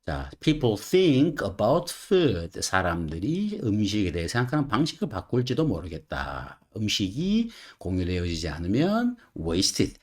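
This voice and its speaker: A male English teacher talks through textbook sentences line by line, his pitch rising and falling in a lively way. He keeps stopping to ask the viewer questions before giving the answer. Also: measured pace, hardly any pauses. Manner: asks the viewer rhetorical questions. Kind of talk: explaining textbook sentences in a lecture.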